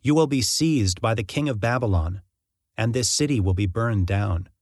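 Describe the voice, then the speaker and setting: A man voicing the prophet Jeremiah, an older man delivering measured, solemn warnings in a plain reading voice. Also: lowish voice, a little mellow, no echo, clean studio sound, lightly acted.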